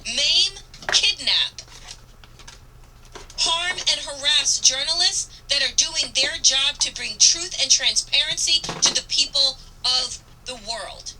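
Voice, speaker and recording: A radio talk show host with a high-pitched female voice delivers passionate political commentary, picked up by a distant mic over background noise. She reads aloud with earnest, deliberate emphasis, repeating key phrases for dramatic effect.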